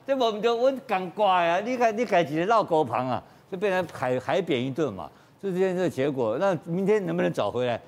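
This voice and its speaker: Brief: outspoken Taiwanese Mandarin male commentator, high-pitched, swinging intonation, jokey and blunt. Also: animated, fast, darkish tone. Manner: blunt and joking, with lots of repeated words. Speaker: political commentator. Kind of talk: TV political talk show panel.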